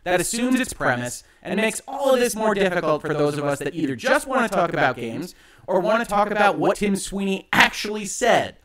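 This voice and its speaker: A man hosting an online show, giving emphatic, argumentative opinion commentary in deliberate phrases, with echo on his livestream audio. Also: high voice, big pitch swings, crowd noise.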